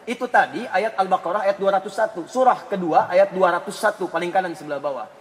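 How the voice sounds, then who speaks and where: A high-pitched man preaches a sermon, weaving humorous stories into his teaching. He swings from loud, emphatic lines to quiet asides. His voice rings out with a long reverb, as in a large hall. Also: quick pace. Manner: lively, shifts between loud emphasis and hushed asides. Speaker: Islamic preacher.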